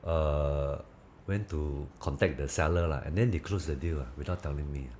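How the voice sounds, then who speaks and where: A man's voice: extremely low pitch, normal speed, a little mellow, a little hiss or hum. A man with a Singaporean accent, chatting casually as a property agent being interviewed, in Manglish-style English full of local particles and slang.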